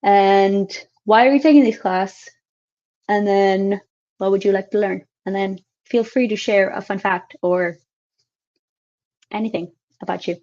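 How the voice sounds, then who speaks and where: A woman in her late twenties, originally from Finland, talks through her class introduction in a relaxed, chatty way, full of ums and uhs. Her voice sits in an ordinary middle range. It comes through a computer mic on a video call, a little dull and muffled. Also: medium pitch, unhurried, long pauses. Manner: friendly, chatty, with frequent filler sounds. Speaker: instructor.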